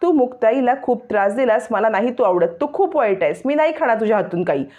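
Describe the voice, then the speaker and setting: A woman's voice: a little high, steady tone, a little fast, dark tone, dull audio, close to an everyday voice. A woman voicing a stubborn little girl who refuses food and talks back, reading her lines in a recap. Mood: defiant. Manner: defiant, sulky.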